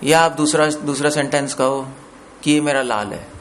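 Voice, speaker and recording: Man with a higher voice preaching scripture. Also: steady tone, moderate pace, a little hiss or hum. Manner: explains with questions to listeners, mixes in English words. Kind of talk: scripture discourse.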